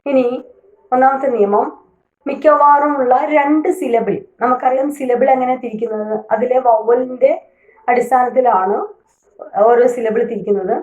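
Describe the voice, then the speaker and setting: A woman teaching a language lesson, reading each rule out slowly and then explaining it at length, with an occasional hesitant filler. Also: on the high side, phone-quality sound. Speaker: English teacher. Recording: echoey room.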